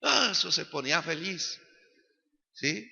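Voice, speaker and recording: Male pastor, high bright forceful voice, preaching that swells to shouting, echoing church hall, dull recording. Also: unhurried, creaky. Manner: animated preaching that builds to shouting. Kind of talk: church sermon. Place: church sanctuary.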